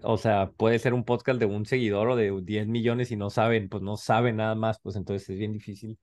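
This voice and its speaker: A man's voice: lowish voice, steady tone, moderate pace, a little mellow. A man with a Mexican accent hosting a podcast in a casual, slangy, rambling way full of filler words. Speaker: podcast host. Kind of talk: casual chat.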